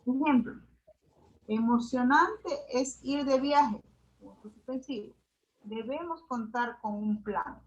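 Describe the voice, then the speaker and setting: A woman reading a class presentation on punctuation, slowly and carefully going through examples. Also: high-pitched. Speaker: student presenter. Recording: dull lo-fi audio.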